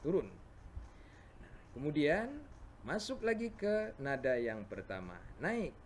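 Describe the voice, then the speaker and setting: A man with an Indonesian accent teaching children Quran recitation, patiently explaining and answering his own questions, chanting verses slowly and loudly. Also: a little high, wildly swooping pitch, a little hiss or hum.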